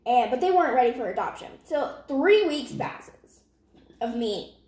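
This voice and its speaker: High-voiced young teenage girl in an echoey room. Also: moderate pace. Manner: animated retelling with acted-out quotes. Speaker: storytelling vlog co-host with parent. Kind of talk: casual chat storytelling.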